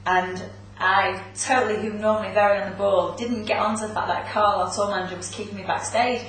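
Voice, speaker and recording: A woman in her twenties, a pop group member chatting casually in an interview, self-mocking and quick to laugh. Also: mid-range voice, steady tone, fairly bright tone, a little hiss or hum. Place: webcast studio. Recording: echoey room from far off.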